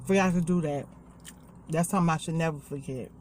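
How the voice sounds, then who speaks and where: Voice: medium pitch, a little fast, darkish tone. An American vlogger chatting casually and familiarly to viewers like family, recorded inside a parked car. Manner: folksy, colloquial, familiar. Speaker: vlogger, mukbang host. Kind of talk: casual chat to camera, addressing viewers as family. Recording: noisy car interior, outdoor ambience.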